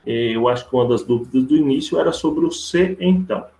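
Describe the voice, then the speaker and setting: Through roomy, echoey online class audio, a Brazilian man walks students through a live logic lesson one step at a time. His creaky, mid-range voice is brisk and mellow, and he keeps things informal, repeating points and using tag questions to confirm they're following.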